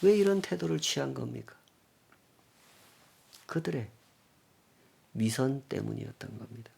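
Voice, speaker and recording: Gravelly male pastor preaching emphatically. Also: mid-range voice, lively intonation, unhurried. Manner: emphatic preaching with rhetorical questions, swinging from loud to near-whisper. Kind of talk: Sunday sermon.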